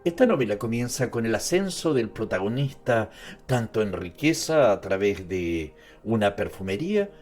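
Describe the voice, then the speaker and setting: A man's voice: mid-range voice, a little mellow. A man giving a dramatized literary narration, speaking directly to the listener with conversational asides. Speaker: narrator presenting an author's life and works. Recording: music behind the voice. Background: music.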